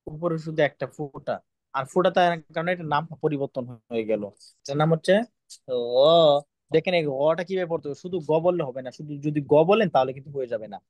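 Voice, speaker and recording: Stern teacher drilling pupils. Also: male voice, fairly high pitch, fast, darkish tone, no room sound. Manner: stern, repetitive, scolding. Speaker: Quran reading teacher. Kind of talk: online class lesson, drilling letter sounds.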